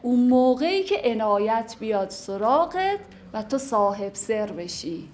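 A woman teaching a class, explaining classical poetry line by line with patient, lightly humorous commentary and slow recitation of verses. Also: on the high side, big pitch swings, a little mellow, a little hiss or hum. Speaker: literature teacher.

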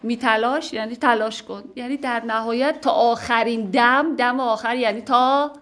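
A woman teaching a class, explaining classical poetry line by line with patient, lightly humorous commentary and slow recitation of verses. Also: fairly high pitch, steady tone, a bit bright. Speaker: literature teacher.

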